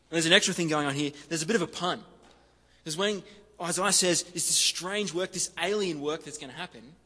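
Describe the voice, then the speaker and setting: A man preaching an expository sermon in a relaxed, conversational way, often saying "kinda" and repeating words for emphasis. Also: on the high side, breathy edge. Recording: long reverb of a large hall.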